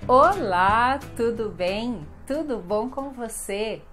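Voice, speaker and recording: A woman teaching a language lesson, speaking clearly and slowing down to stress each syllable. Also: on the high side, animated, over music. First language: Portuguese. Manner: clear, deliberate, slows to spell out stressed syllables. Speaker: Portuguese teacher.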